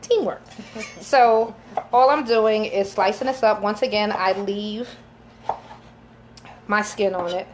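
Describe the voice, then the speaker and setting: A woman's voice: medium pitch, steady tone, slow, long pauses. Woman chef, cooking demo, chatty, instructive, indoor kitchen, phone camera, faint background noise. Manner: chatty and instructive, joking with helpers. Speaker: chef and caterer. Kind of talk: live cooking demonstration.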